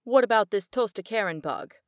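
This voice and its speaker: A woman's voice: medium pitch, animated, a little fast, dry recording, clean studio sound, lightly acted. Johnny Ray, a woman reading a tough detective man. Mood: blunt. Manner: slangy, blunt tough-guy talk. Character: hard-boiled male detective, tough and callous.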